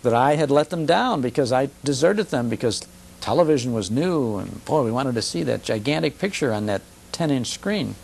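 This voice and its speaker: This older TV broadcast, with faint hiss and hum and poor audio, features an American man in his fifties interviewed in a television studio. A guest who is an old-time radio broadcaster and enthusiast, he speaks in a medium-pitched, expressive, gravelly voice with a darkish tone at a moderate pace. His nostalgic storytelling is fluent, with short emphatic phrases and rhetorical questions.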